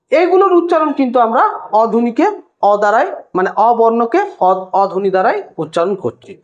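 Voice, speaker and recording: Female tutor with a West Bengal Bengali accent, bright high voice with a lot of rise and fall, patient step-by-step lesson delivery, dull lo-fi recording. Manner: explains step by step, addresses students directly; sounds out single sounds slowly.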